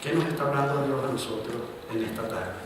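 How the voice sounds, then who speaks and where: A man's voice: medium pitch, fast talker, background noise. Man preaching in an echoey church. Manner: preaches with rising emphatic bursts and quiet asides. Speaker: pastor. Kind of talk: sermon. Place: church hall. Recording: roomy, reverberant church recording from a distance.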